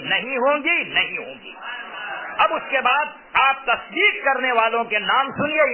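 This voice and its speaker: Speaking emphatically and repeating key phrases, a high-pitched male preacher explains a fatwa to his listeners in a sermon. The loudspeaker microphone sits close to his mouth, producing a tinny sound much like a phone.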